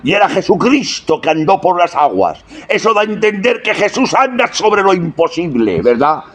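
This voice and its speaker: A man's voice: sits high, sing-song, moderate pace, fairly bright tone. A man preaching a sermon, often asking the congregation rhetorical questions.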